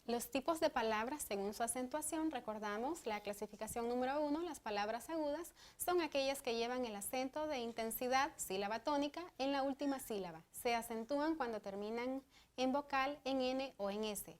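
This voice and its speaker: Clear, deliberate Honduran woman teacher. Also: sits high. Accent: Honduran Spanish. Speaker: teacher co-host. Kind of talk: educational TV lesson.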